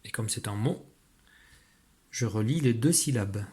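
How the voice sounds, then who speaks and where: A man, a teacher giving a recorded spelling dictation, patient and clear, slowly articulating each sound. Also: lowish voice, expressive, warm tone.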